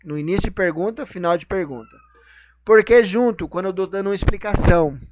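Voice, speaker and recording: High-voiced man teaching grammar. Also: a little fast, background noise. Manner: explanatory, asks and answers his own questions. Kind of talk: grammar lesson.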